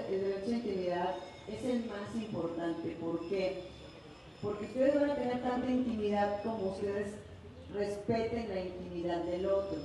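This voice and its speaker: A Mexican woman in her thirties with a mid-range voice and a Mexican Spanish accent gives a conference talk in a university auditorium. She tells a story with lively energy, acting out the scene, while a distant mic picks her up in a very echoey hall with faint noise.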